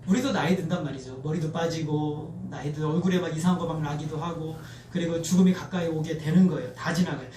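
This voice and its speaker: This pastor talks fast with few pauses in a slightly high voice, delivering a lively, expressive sermon built on call-and-response with the congregation. Faint noise and heavy echo come through, since he's recorded from afar in the sanctuary.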